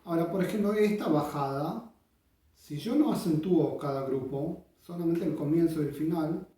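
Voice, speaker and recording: A man teaching bandoneon, explaining in a thoughtful way with many pauses and sung-out rhythms. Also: fairly high pitch, over music. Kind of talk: instructional explanation. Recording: echoey room, voice from a distance.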